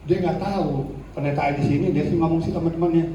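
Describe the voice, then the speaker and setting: A male pastor preaching in a lively, colloquial way, slipping into slang and acting out the people he quotes. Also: fairly high pitch, quick pace, highs cut off. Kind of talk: sermon. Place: church hall. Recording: echoey church hall, distant mic, faint noise.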